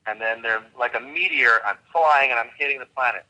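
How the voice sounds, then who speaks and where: A man coaching a guest on a call, talking with lively enthusiasm and vivid imagery. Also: mid-range voice, fairly quick, poor audio. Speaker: host and coach.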